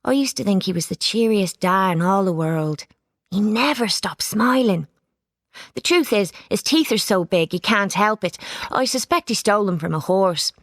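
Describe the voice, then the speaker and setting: A woman reading a children's storybook aloud, giving it lively expression. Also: mid-range voice, normal speed, no echo, clean studio sound. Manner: lively character voices, plain narration. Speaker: audiobook reader. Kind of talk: storybook narration.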